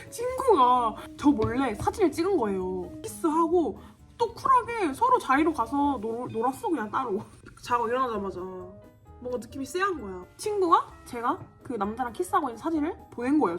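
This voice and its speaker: A young woman in her twenties telling a story in a casual, animated way while doing her makeup, acting out the lines of people in it. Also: high voice. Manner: chatty, animated, acts out quoted lines. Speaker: beauty vlogger.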